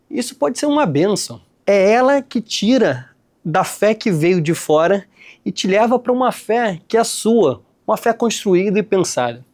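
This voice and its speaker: A young man from Rio de Janeiro, hosting a casual explainer and talking straight to his viewers in relaxed slang. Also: sits high. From Rio de Janeiro, Brazil. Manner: conversational, addresses viewers directly with slang. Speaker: host, licensed tour guide.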